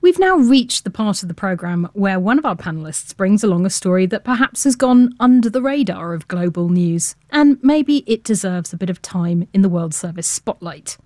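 A woman's voice: medium pitch, animated, normal speed, few pauses, a little mellow, no room sound. Playful female science show presenter, dry sound. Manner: informal, playful. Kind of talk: radio presenting, chatty and semi-scripted.

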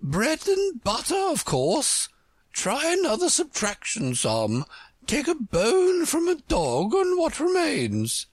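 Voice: sits high, wildly swooping pitch, slow pace, no room sound, pitched above the performer's own voice, heavily acted. A reader voicing an imperious, contrary chess queen, a woman who scolds with pompous emphasis in a storybook. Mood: brisk, challenging.

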